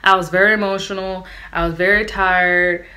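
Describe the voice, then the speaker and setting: A woman's voice: on the low side, level tone, moderate pace, pushed and bright. A young woman telling a personal story to her viewers in a candid, chatty way, talking straight to them. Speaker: vlogger. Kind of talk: storytime vlog.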